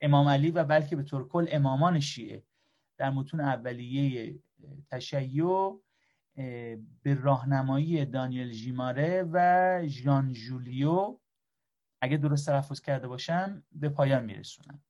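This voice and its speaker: A man's voice: mid-range voice, a little mellow, lo-fi sound. A man moderating a lecture, giving a polite, formal introduction of the speaker with frequent hesitations.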